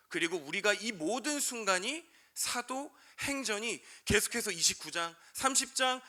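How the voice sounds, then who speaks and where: Lively, bright-voiced young male preacher. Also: high-pitched. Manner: asks the audience questions and answers them himself; keeps calling out to listeners. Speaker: youth pastor. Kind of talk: sermon to high school students.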